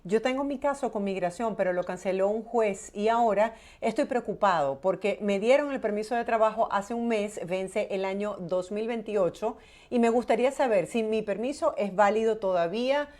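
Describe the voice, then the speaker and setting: A woman hosting a live segment, reading viewers' questions aloud in a steady, measured way. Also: medium pitch. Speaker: host.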